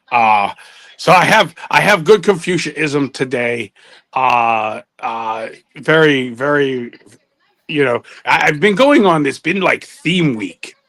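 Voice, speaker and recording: A man's voice: medium pitch, pushed and bright, dry recording. A man voicing a goofy male ninja entertainer who talks in clipped broken English and mock-wise sayings. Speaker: recurring comic guest.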